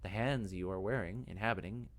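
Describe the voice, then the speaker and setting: Reading fantasy game text as dramatic narration, a male let's play host uses a fairly low-pitched voice. His storytelling is measured and expressive.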